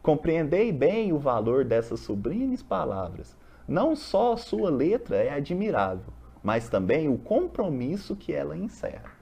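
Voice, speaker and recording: A study group leader with a Brazilian accent talks in a husky voice whose pitch swings up and down freely. The talk is casual and explanatory, reading from a text and then unpacking it with homely examples and rhetorical questions. It sounds like a meeting room of a university group. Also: big pitch swings, a little slow, dark tone.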